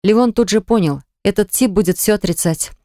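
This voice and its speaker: A reader telling a romance story in steady, expressive audiobook narration. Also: medium pitch, fairly quick, no room sound, studio quality.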